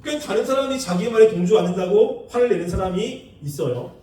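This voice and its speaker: A man preaching a sermon in a lively, animated way, acting out the people he quotes with laughs. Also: sits high, fast talker. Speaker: pastor. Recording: echoey room, far from the mic.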